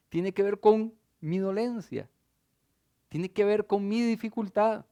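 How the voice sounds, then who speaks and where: A middle-aged male pastor, preaching an expressive sermon and asking the congregation questions. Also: high voice.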